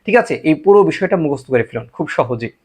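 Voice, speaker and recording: Male English teacher, Bengali speaker, a touch high in pitch, slow patient drills of short sentences. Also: animated, a little mellow, husky. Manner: repeats example sentences slowly, switching between English and Bengali. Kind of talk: spoken English lesson.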